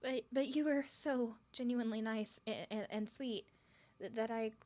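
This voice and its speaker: A woman voices a nervous, smitten young woman on a first date for an ASMR roleplay, stuttering, rambling, and giggling in a flustered way. Her voice sits on the high side, fairly even in intonation, a little mellow and close to everyday speech, at a moderate pace.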